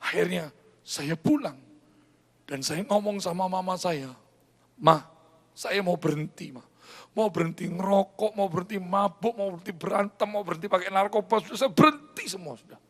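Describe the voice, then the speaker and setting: A pastor, preaching a sermon with personal testimony, dramatic and swinging from hushed to loud. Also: male voice, high voice, moderate pace. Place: church service.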